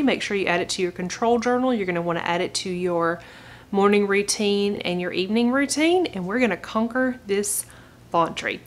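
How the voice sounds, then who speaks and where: A woman, hosting a chatty home-routine vlog from her living room sofa and encouraging viewers directly. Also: medium pitch. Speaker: vlogger, channel host. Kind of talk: upbeat home-organizing vlog.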